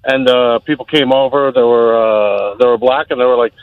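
A man's voice: medium pitch, little pitch movement, a little fast, dry recording. A man from Miami calling a radio show, talking casually and rambling with lots of fillers. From Miami, United States. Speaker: caller. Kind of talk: phone-in comment. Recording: tinny phone line.

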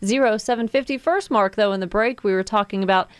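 A woman's voice: medium pitch, fast talker, smooth, no echo. A woman radio host with an informal, chatty way, announcing in the manner of a live contest promo from a studio, close on the mic. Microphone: close studio microphone.

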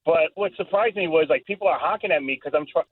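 A man calling into a show on a speakerphone, telling his story in a rambling, halting way. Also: on the high side, no echo. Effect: speakerphone call. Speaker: caller. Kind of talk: casual call-in chat. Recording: tinny dry phone line.

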